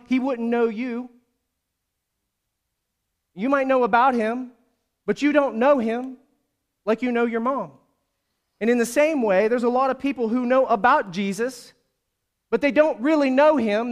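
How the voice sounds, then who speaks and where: A man with a notably high voice preaches a sermon, telling a story and then climbing into loud, pleading calls. He swings between quiet, conversational stretches and near-shouted appeals. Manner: storytelling preacher who builds to loud, high-pitched exhortation. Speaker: pastor. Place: church service.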